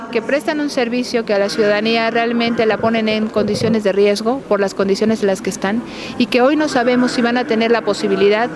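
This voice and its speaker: A woman in her forties, a legislator, explaining a proposal in a press interview. She speaks earnestly and often restarts her sentences. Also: fairly high pitch. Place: legislative chamber, indoors. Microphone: handheld reporter mic and phones held close. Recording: crowd chatter behind. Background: crowd chatter in the chamber.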